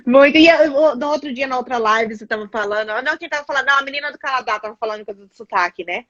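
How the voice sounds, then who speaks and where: Talking rapid-fire in a high-pitched voice, a Brazilian guest with a Brazilian Portuguese accent tells lively, chatty stories loaded with fillers. The recording is dry and the audio dull.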